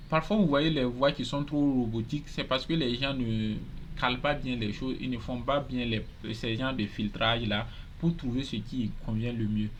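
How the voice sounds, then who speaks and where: Man walking through some software, talks it out step by step, bit repetitive, faint hiss behind. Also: mid-range voice, steady tone, moderate pace. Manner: casual step-by-step explaining, repeats himself. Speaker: tutorial host. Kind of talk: screen-recorded software tutorial.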